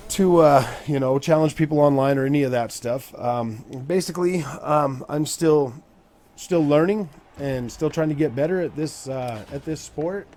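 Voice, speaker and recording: In his forties, a man hosts his gaming channel, rambling casually with lots of fillers as he plays a racing game. His voice is on the high side and darkish, moving at a moderate pace over the racing game's engine sounds.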